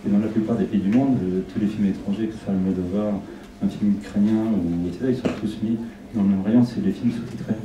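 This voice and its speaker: This middle-aged Argentine film director, whose first language is Spanish, holds a handheld mic during a public Q&A indoors in a small shop's event room with an audience. His fairly low voice moves quickly with fairly even intonation, and he often repeats words mid-thought. A far-off camera picks up roomy, muffled sound.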